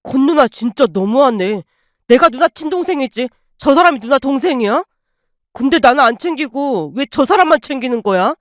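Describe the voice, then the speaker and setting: A woman voicing a sick, shameless middle-aged father who pleads in a low, slow, whining voice. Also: animated, no room sound, studio quality.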